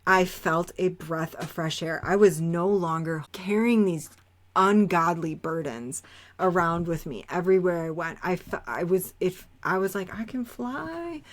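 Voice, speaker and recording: A woman hosting a podcast, talking candidly and bluntly in a casual spiritual monologue, swearing freely and rambling with fillers and restarts. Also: on the low side. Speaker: podcast host.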